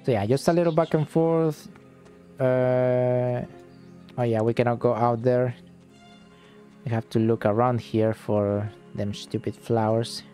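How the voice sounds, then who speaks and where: Male gamer, casual let's-play commentary, mellow voice, swears and grumbles offhand. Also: medium pitch, fairly even intonation, a little slow, faint music behind.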